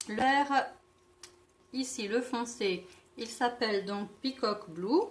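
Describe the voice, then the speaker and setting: Brief: woman, higher voice, unhurried, hesitant casual makeup review, frequent self-corrections. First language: French. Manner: hesitant, stumbling over product names and self-correcting. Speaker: beauty vlogger.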